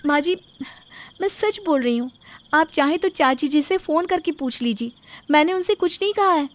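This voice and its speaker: A woman's voice: high-pitched, lively intonation, moderate pace. A woman voicing a young new bride who earnestly pleads her innocence. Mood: pleading.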